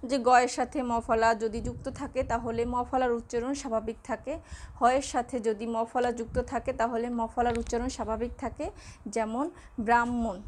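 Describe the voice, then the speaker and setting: High-voiced woman teaching pronunciation. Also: flat delivery, a little mellow. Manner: slow, patient, spells out letters one by one. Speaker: Bengali lecturer. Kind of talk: classroom lecture.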